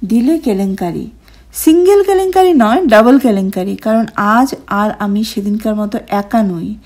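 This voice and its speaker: A woman narrating a story in an expressive, storytelling manner. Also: mid-range voice, moderate pace.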